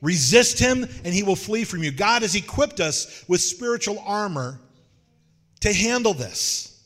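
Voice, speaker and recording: Joking preacher man, slightly high voice, lively storytelling sermon. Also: measured pace, in a large hall. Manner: folksy, joking, animated storytelling. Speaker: pastor.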